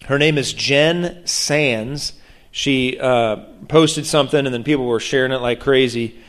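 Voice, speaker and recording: A man preaching about prayer, telling a story with animated acted-out voices. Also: mid-range voice, a little slow. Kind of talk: sermon on prayer.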